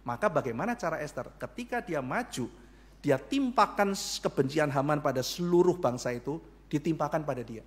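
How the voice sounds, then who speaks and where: A man's voice: a little high, expressive, moderate pace. A man pastor preaching a sermon, acting out dialogue in shifting voices.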